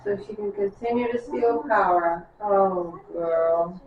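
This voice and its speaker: A woman's voice: medium pitch, takes it slowly, a crowd in the background. Woman reacting to a show, echoey room. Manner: chatty, reacts aloud to each scene. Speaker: reaction video host. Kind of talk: casual reaction commentary. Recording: roomy, distant, dull sound with show music behind.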